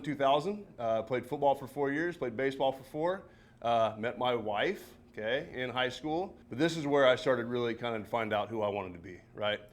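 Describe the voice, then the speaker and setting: A football coach in his early forties tells his story to a room, talking loosely and warmly. He leans on "um" and "right?" as he goes, in a voice of ordinary pitch. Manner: conversational, warm, many fillers and tag questions. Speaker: high school football coach giving a talk. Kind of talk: personal talk at a seminar. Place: church meeting room.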